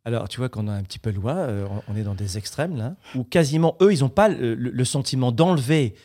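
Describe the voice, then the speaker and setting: A man's voice: mid-range voice, expressive, fast, mellow. Chatty male podcast host. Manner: chatty, tells anecdotes. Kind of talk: casual interview chat.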